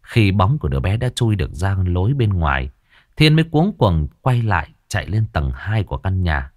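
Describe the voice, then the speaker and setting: A man narrating a horror story in a lively, dramatic way. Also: sits low, normal speed, no room sound, studio quality.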